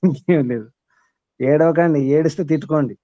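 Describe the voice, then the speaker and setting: A man with a fairly high voice leads a spiritual discourse as a teacher. He quizzes his listeners, repeats his key words, and lets out a chuckle between points. The recording is dry and a little dull. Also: normal speed, mellow, no echo. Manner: repeats key words and asks the audience rhetorical questions. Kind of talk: question-and-answer spiritual discourse.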